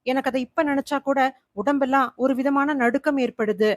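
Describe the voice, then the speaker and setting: A woman's voice: sits high, fairly even intonation, normal speed, no room sound, studio quality, lightly acted. A woman voicing a worried middle-aged husband who pleads anxiously, in a storybook reading.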